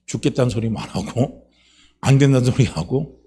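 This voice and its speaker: A male pastor delivering a Sunday sermon, swinging between hushed low lines and loud emphatic exclamations. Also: moderate pace. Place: church sanctuary.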